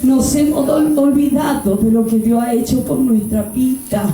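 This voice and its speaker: A woman with an Argentine accent preaching an impassioned sermon, building into shouted pleas. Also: high-pitched, fairly even intonation, normal speed. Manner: fervent, rising to shouted pleas. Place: church. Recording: very echoey church hall, mic far off, music behind.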